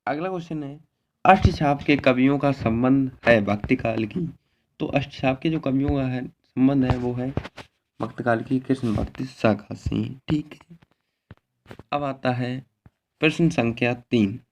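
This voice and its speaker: Male tutor, mid-pitched, methodical exam walkthrough that restates every answer; slightly dull lo-fi recording with faint hiss. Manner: explains step by step, repeats each answer and ends with a check word. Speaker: teacher.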